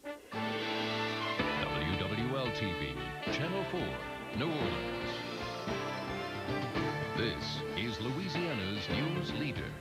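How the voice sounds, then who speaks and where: A man's voice: mid-range voice, wildly swooping pitch, very slow, pauses often, loud music behind the voice. A man reading a dramatic voice-over for a television station ident. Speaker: station announcer.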